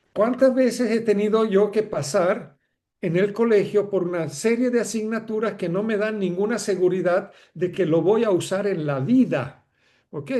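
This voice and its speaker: A man with a high-pitched, warm voice gives an online lecture on education as a webinar speaker on educational leadership. He talks conversationally, posing rhetorical questions and often checking for agreement.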